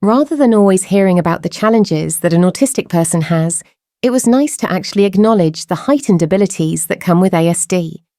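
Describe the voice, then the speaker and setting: Host, woman, voice-changer processed, mellow tone, dry close sound, measured scripted delivery. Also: lowish voice, animated, no echo. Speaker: true crime channel host. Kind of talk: scripted commentary.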